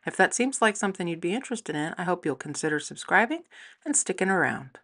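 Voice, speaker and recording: Low-voiced woman vlogger, friendly and chatty, filming her garden outdoors on a phone. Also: sing-song, quick pace, fairly bright tone. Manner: chatty and upbeat, with some fillers. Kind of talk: casual garden tour narration.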